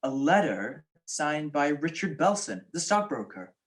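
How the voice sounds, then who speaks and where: A young woman acts the part of a suave, flippant male detective husband in a 1940s-style radio drama, with a brisk, shrewd mood. Her voice is low and very animated yet unhurried, and her delivery is theatrical.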